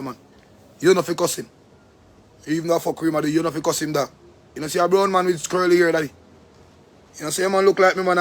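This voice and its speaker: A Jamaican man on a live stream, ranting loosely in a noticeably high voice. He talks in a rambling way and swears freely, with lots of animation. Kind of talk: casual live-stream rant.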